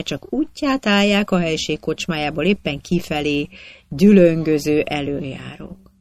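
A narrator reading historical anecdotes aloud with a measured storytelling cadence. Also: medium pitch, dry recording.

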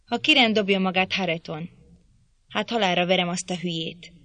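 A woman voicing a furious, domineering middle-aged man who shouts threats, in an audiobook reading. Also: mid-range voice, dry recording. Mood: raging.

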